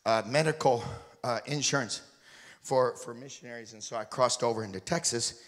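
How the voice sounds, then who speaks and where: A man's voice: mid-range voice, normal speed. A man, a missionary preacher, telling a folksy, joking story to his congregation during a sermon. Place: church sanctuary. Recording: reverberant church hall.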